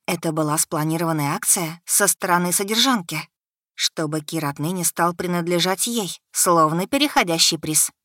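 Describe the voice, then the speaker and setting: A woman narrating a first-person audiobook with a measured, expressive reading. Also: on the low side, no echo, studio quality.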